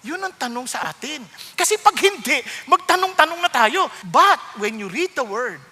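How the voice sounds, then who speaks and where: A Filipino-accented man preaching a sermon as pastor, mixing Tagalog and English, moving from quiet reflection to loud rebuke. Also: extremely high pitch, lively intonation, moderate pace, long reverb tail.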